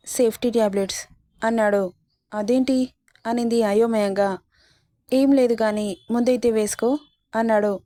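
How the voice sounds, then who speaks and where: A woman narrating a romantic story, reading every character's lines herself in the same steady voice. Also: fairly high pitch, no echo, clean studio sound. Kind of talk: narrated romance audiobook, voicing all characters.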